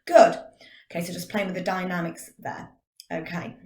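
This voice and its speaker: A woman drama teacher guides a vocal warm-up, calmly counting out the breaths. Her voice sits a little low and carries an echo from the room around her. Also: moderate pace. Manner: calm, counting out breathing exercises. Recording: echoey room.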